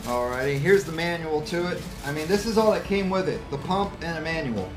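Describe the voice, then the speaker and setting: A man's voice: on the high side, lively intonation, a little fast, over music. Casual man rambling in a garage. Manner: plain-spoken, rambling, a bit self-deprecating. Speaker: channel host reviewing tools. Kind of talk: casual unboxing chat. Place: cluttered indoor garage workshop.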